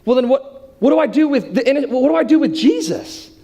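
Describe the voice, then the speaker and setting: A man's voice: extremely high pitch, animated, moderate pace, mellow, voice pushed up. A man acting as a judge who questions a crowd in a sermon story, with a raised, questioning delivery. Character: male judge calling out to a crowd.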